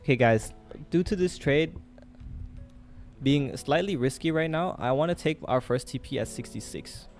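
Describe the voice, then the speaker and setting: A young man who grew up in Thailand chats casually with viewers during a live trading stream, leaning heavily on fillers. His voice is slightly high and at normal speed, with soft music in the background.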